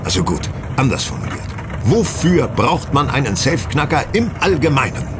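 A man playing Sherlock Holmes, sardonic and lively. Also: medium pitch, moderate pace, over music, close to an everyday voice. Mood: impatient, didactic. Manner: teasing, didactic, condescending. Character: brisk, superior male detective, sardonic and self-assured. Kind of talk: German audio drama acting.

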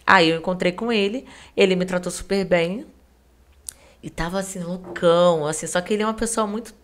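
A woman guest on a podcast, casually telling a story in a chatty, slangy way and acting out the quoted dialogue. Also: on the low side. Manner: heavy slang and fillers.

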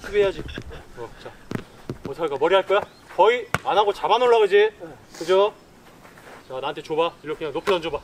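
This thirtysomething man sounds animated as he coaches football players outdoors with brisk instructions and commands. A distant camera records him, with slight background noise.

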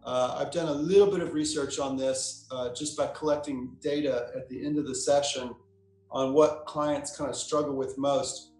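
A man being interviewed as a psychotherapist, explaining through relaxed anecdotes and acting out quoted lines. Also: medium pitch, normal speed, faint music behind. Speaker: psychotherapist guest. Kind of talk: interview answer, storytelling. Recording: roomy echo.

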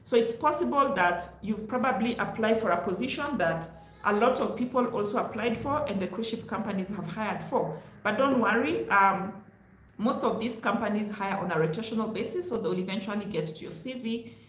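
A middle-aged Kenyan woman hosts a careers advice vlog, giving viewers casual, emphatic tips from a small home office. Her medium-pitched voice moves a little fast, and the untreated room echoes with a faint hiss or hum.

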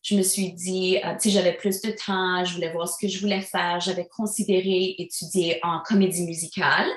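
Here the guest's voice sits fairly low and her delivery is flat, though her pace stays normal and the sound is roomy. She's a thirtysomething singer-songwriter from Alberta, Canada, with a Franco-Albertan French accent, talking loosely in a casual interview with many fillers.

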